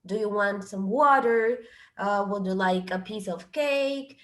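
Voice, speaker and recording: A woman teaching an English grammar lesson, explaining slowly and switching between Spanish and English. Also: mid-range voice, a bit bright. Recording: echoey room.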